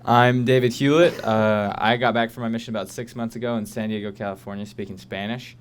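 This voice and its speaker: A twenty-one-year-old man introduces himself with quiet pride, stumbling a little over his words. His voice is low and smooth. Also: fairly even intonation, fairly quick. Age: 20s. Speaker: panelist. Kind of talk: casual self-introduction.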